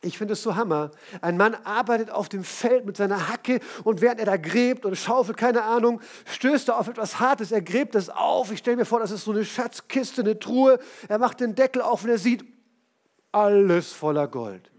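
High-voiced enthusiastic preacher. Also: male voice, moderate pace, a little mellow. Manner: casual, enthusiastic, addresses listeners directly. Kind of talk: sermon with lively storytelling.

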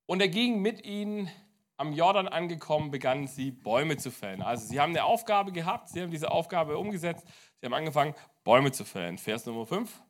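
A man preaching a lively sermon as pastor to his church, swinging between loud and soft. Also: a little high, fast.

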